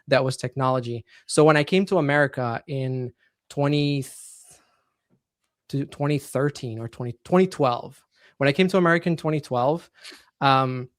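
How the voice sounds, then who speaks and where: A man from Portugal with Portuguese as his first language, a podcast guest explaining his story in a relaxed, steady way. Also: medium pitch, no echo, clean studio sound. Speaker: guest entrepreneur. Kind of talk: casual interview chat.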